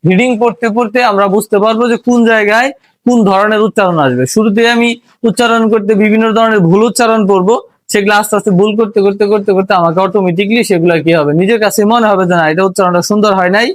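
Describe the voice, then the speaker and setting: Fast and with fairly even intonation, this high-voiced English teacher, who has a Bangladeshi Bengali accent, patiently explains a spoken language lesson. He goes over points repeatedly and throws in rhetorical questions, and there's no echo on the recording.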